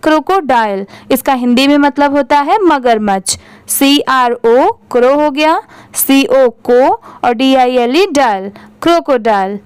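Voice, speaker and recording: A woman's voice: sits high, expressive, a little slow, darkish tone, clean tone, dry recording. A young woman teaching English reading, spelling out words letter by letter and blending them, asking questions and answering them herself. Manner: asks and answers her own questions. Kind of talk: spelling-out phonics lesson.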